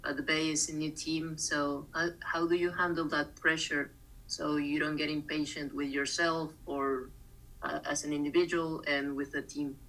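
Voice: mid-range voice, level tone, moderate pace, fairly bright tone, poor audio. A reporter asking a polite, careful question at a press conference. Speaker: sports reporter.

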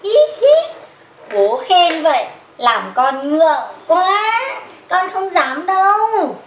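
A high, childlike bear cub acted by a woman for a children's puppet tale. The little boy is sweet, bashful and excitable. The sound is roomy, with clear background noise. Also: slow pace, heavily acted. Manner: childlike, exclamatory.

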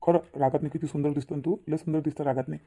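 Very low, dark, rapid woman's voice. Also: steady tone. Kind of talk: Marathi cartoon voice acting.

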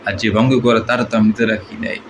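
A man voicing a menacing, swaggering movie villain gang boss with a Bangladeshi accent and drawn-out threatening taunts. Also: on the low side, little pitch movement, natural voice. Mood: mocking menace. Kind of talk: film villain dialogue mimicry. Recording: noisy amateur recording.

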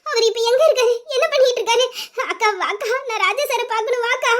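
A woman's voice: very high-pitched, fast talker, fairly bright tone. A woman voicing a frantic young woman who pleads through tears to be taken to the man she loves. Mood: frantic pleading. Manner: pleading, insistent, near tears. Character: young woman, frantic and tearful, desperate to see her love. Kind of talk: Tamil audio drama acting.

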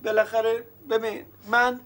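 An actor playing an older father and landlord in a TV sitcom who speaks softly and apologetically. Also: extremely high pitch, flat delivery. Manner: apologetic, soft-spoken. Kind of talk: TV sitcom acting.

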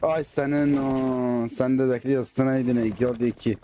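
A man with a mellow, darkish voice gives casual gameplay commentary from his home setup. He is excitable and curses freely when the game frustrates him. Faint game gunfire sits behind him. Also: medium pitch, normal speed, slight background noise. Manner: says he slips into dialect when angry. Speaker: gaming YouTuber.

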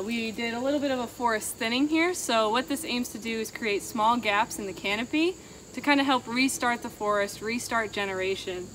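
A woman in her thirties, a wildlife biologist, explaining forest habitat outdoors in a steady, explanatory way, with a clip-on mic. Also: a little high, slight background noise, rough recording. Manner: steady, explanatory, walking and pointing at plants. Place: forest clearing and woodland, outdoors.

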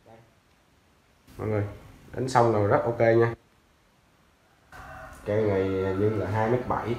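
A man's voice: lowish voice, fairly even intonation, normal speed, darkish tone, slight background noise. A young man in a casual sales chat, loosely showing off used fishing reels and rods while sitting on a tiled floor, often calling out to the viewers. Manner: loose and chatty, fumbling for brand names, often calling out to viewers. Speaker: seller of used fishing gear. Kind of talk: casual sales talk to camera. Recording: echoey tiled room.

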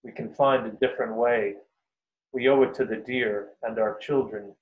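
A man voicing a calm male meditation leader who speaks slowly and solemnly, calling for peace, in a roomy, dull lo-fi recording. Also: medium pitch, lightly acted. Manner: slow, commanding, solemn.

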